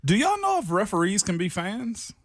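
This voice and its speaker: A man trades casual sports banter on the radio. His voice is husky and extremely animated, recorded dry in a studio. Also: high-pitched, normal speed, dry recording. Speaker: radio show regular.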